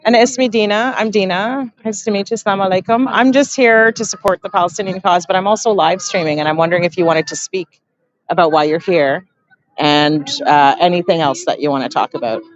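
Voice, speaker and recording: A woman's voice: lowish voice, brisk, highs cut off. A woman hosting a casual live stream from an outdoor protest, chatting with lots of fillers and laughs. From Canada. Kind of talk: casual street interviewing.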